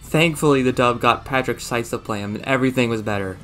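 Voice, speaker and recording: A man's voice: mid-range voice, fast talker, fairly bright tone, soft background music. A young man narrating a scripted video essay, opinionated and enthusiastic. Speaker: video reviewer.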